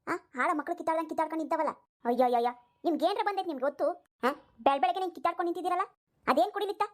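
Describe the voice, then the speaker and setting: A woman voicing a bossy old mother-in-law who nags and complains in a cartoon. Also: very high voice. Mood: exasperated. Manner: nagging, complaining loudly. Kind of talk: cartoon voice acting.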